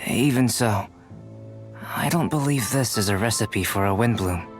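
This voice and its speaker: A man voicing Albedo, a composed young alchemist in a video game, who speaks in a measured, polite and thoughtful way. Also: lowish voice, over music, natural voice. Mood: calm.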